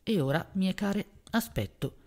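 A man reading aloud, voicing a gruff middle-aged police inspector who speaks curtly and impatiently. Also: high-pitched, lively intonation, a little slow, darkish tone, voice pushed up, full character voice. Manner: curt and impatient.

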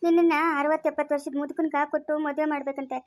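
A woman's voice: sits high, flat delivery, racing, darkish tone, close to an everyday voice. A woman playing a worried, tearful poor mother in an amateur family drama, speaking rural Chikkaballapur Kannada. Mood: pleading. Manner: pleading, emotional.

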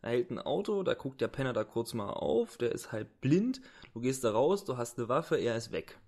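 A man's voice: mid-range voice, very animated, normal speed, darkish tone. A man running a tabletop role-playing game as game master, casual and joking with coarse slang.

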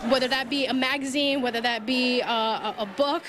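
A woman's voice: high-pitched, steady tone, brisk, a bit bright, faint music behind. A woman giving a spontaneous interview answer as a program staffer. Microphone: handheld reporter microphone. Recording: clear background noise. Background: ambient noise.

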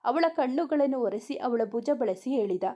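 A woman's voice: high voice, lively intonation, normal speed, mellow. Woman reading a romance story aloud. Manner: narrates and speaks all characters in one voice.

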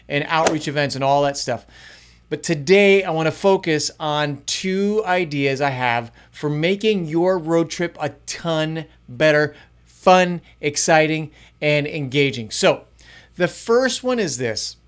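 A man's voice: fairly high pitch, clean tone. Upbeat middle-aged man vlogging. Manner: upbeat, chatty, varying pace. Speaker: youth ministry podcast host. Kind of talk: casual tutorial vlog. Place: small home studio room. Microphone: close studio mic in front.

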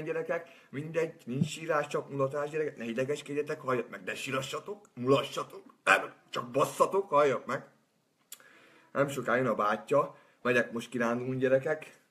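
A man on a live stream, boisterous and swearing, who turns soft and sentimental in his farewells. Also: medium pitch. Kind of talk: rambling live-stream monologue.

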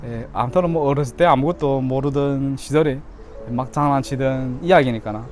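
Faint music plays behind a thirtysomething man from Yanbian, China, who casually tells the camera about his childhood. He has a Chinese-Korean Yanbian accent and speaks at normal speed with a medium-pitched, darkish tone.

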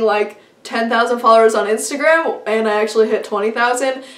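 Filmed at a distance in a small room against a plain wall, a young adult vlogger chats casually and cheerfully to camera, using lots of filler words. Her voice sits fairly high with a fairly bright tone, and the recording sounds roomy.

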